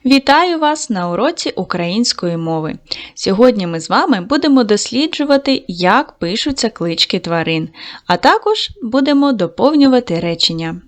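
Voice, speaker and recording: A woman teaching a video lesson for second graders. Her pitch rises and falls in a lively way as she encourages the children. She speaks slowly and clearly to young pupils. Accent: Ukrainian. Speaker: primary school teacher.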